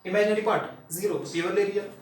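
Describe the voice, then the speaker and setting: A man's voice: sits high, fast talker, slight background noise. A male math teacher with an Indian accent giving a classroom lecture, mixing Hindi and English and putting questions to the students. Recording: echoey room, voice from far off.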